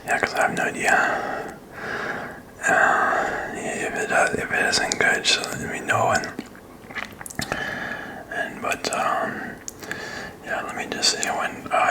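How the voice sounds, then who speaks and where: A man in his thirties rambles in a halting, unscripted whisper for ASMR, very close to a desk microphone in a small quiet room. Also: low-quality recording. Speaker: ASMR video creator. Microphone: desk microphone with furry windscreen, very close.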